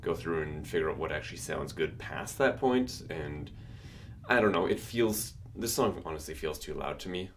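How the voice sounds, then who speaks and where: This is casual livestream commentary from a man producing music at home, chatting and musing aloud as keys clack in the background. He has a bass voice with lively intonation and a moderate pace, plus a little hiss or hum.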